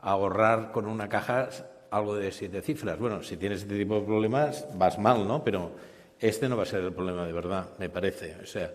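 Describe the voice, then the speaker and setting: A man's voice: fairly low pitch, normal speed. A man speaking on a conference panel, stammering into restarts and tagging his points with questions. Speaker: business school panelist. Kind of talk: panel discussion. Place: conference stage. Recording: reverberant conference hall.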